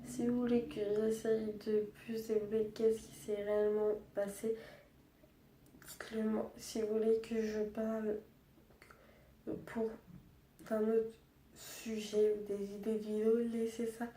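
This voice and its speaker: Young woman, quiet hesitant vlog talk, subdued, flat pitch, distant from the mic in a roomy echo. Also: a little hiss or hum. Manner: quiet, hesitant, halting speech. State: subdued and sad. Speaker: vlogger. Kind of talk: personal testimony vlog.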